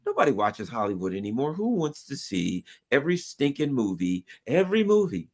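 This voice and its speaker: A man's voice: medium pitch, huge pitch swings, a little fast, a little mellow. A man talking politics in an emphatic, sarcastic way, mocking the people he criticizes. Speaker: political commentator. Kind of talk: animated political discussion.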